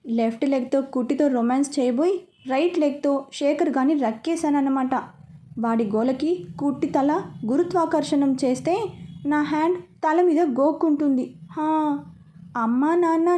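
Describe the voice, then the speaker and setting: A woman storyteller narrating a romance in the first person. Her voice is high and mellow, and she talks chattily, often turning to the listener. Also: normal speed.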